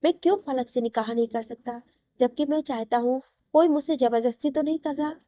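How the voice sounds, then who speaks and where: A woman's voice: high-pitched, a little fast, mellow, no echo, clean studio sound, natural voice. A woman voicing a defiant young son. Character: young man, defiant and reasoning with parents. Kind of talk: audio story reading.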